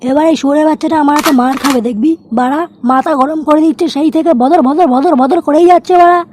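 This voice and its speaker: Through a pitched-up effect, a man with a West Bengal accent voices a hot-tempered, foul-mouthed picnic ringleader in a comic cartoon. Irritated, he scolds and blusters quickly in a steady tone against a noisy background.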